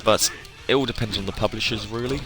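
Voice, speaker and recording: A British man with a fairly low voice talks quickly to his live stream viewers, rambling, hesitating and often trailing off. He streams games as a hobby, and music plays behind him.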